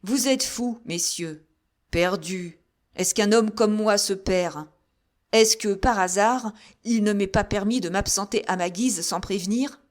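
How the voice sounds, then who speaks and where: An imperious general reproaches his troops with rhetorical questions, as a woman reader voices him. His authority is calm and stern. This is a classic novel audiobook. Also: medium pitch, measured pace, close to an everyday voice. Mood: scolding. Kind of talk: audiobook character reading.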